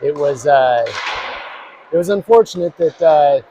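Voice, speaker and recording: A man hosting a high school hockey broadcast, chatting through the pregame with lots of fillers and quick agreement. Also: expressive. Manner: chatty, filler-heavy, affirming. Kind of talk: casual pregame commentary. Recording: noisy arena ambience.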